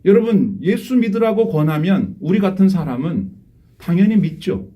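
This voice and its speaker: A middle-aged male pastor preaching a sermon in a church, earnestly acting out prayers and quoted voices, moving between hushed asides and emphatic calls. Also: high voice, very animated, normal speed. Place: church sanctuary.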